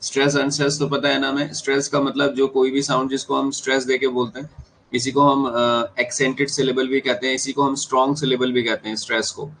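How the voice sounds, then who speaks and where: Indian man, exam-prep teacher, repeats terms, checks understanding, mid pitch, faint hiss behind. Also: flat delivery, fast talker, fairly bright tone, poor audio. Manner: mixes Hindi and English, repeats key terms, checks students understand. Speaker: English teacher. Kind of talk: classroom lecture.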